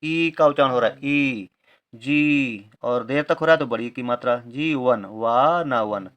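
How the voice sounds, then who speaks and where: Guy teaching handwriting, slow and patient, goes letter by letter. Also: mid-range voice, fairly bright tone. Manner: slow, careful, explaining step by step. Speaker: Hindi writing teacher. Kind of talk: handwriting lesson.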